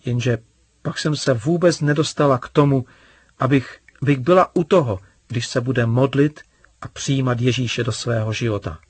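A man's voice: mid-range voice, husky, dry recording, close to an everyday voice. A man voicing an indignant, hurt young girl who talks in a complaining, sulky way.

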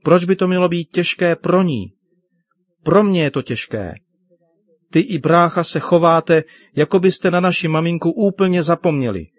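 A man's voice: a little high, no room sound, pitched above the performer's own voice, close to an everyday voice. A man putting on an upset, indignant teenage girl. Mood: tearful, angry. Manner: protesting, indignant.

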